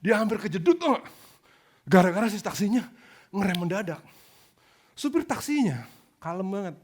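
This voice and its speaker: A man's voice: sits high, normal speed. A male pastor preaching a sermon, telling stories with slang and jokes. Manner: animated storytelling with slang and jokes.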